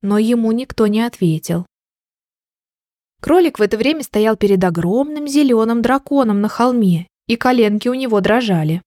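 A woman narrating a children's audiobook in a gentle, measured storytelling voice. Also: a little high, animated, no room sound, studio quality.

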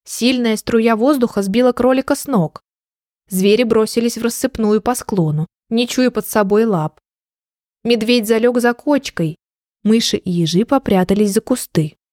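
A woman narrating a children's audiobook in a gentle, measured storytelling voice. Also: fairly high pitch, no room sound, clean studio sound.

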